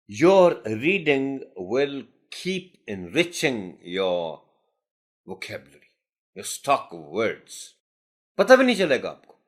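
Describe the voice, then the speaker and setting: A man from Pakistan giving a teacher-training lecture, asking rhetorical questions and answering them himself, and slowing sharply to stress key headings. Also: on the high side. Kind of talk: classroom lecture.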